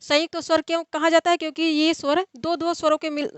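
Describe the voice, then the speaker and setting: This young adult woman speaks fast in a very high, level voice, recorded without echo. Tutoring for an exam in an online lecture, she lays out each step and responds to her own questions.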